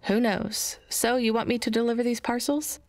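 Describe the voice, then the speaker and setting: A woman's voice: on the high side, flat delivery, normal speed, a little mellow, lightly acted. An actress voicing an independent, skeptical young woman courier in a video game, plainspoken and understated. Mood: skeptical, matter-of-fact.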